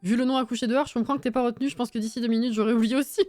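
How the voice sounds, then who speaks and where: A young woman streamer chats casually as she builds in a game, swearing, laughing and reading out messages. Her voice sits a little high and sounds dry and close, with faint music playing underneath. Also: fairly even intonation, very fast, a little mellow, dry recording. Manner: chatty, swears, laughs often, reads chat aloud.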